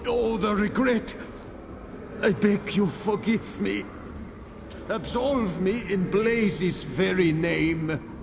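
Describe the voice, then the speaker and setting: A man voicing a tormented, remorseful ghost of a squire in a video game, pleading and halting with a gravelly voice. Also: high voice, full character voice. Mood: desperate pleading. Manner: anguished, halting, pleading delivery. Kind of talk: dramatic video game voice acting. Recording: long ghostly reverb, noisy ambience.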